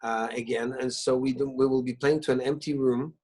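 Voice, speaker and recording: A steady-toned, medium-pitched voice, a little fast, belongs to a middle-aged singer-songwriter guest born in Israel, Hebrew being his native language. Speaking over a video call in his living room, he tells warm stories while often restarting and filling gaps hesitantly.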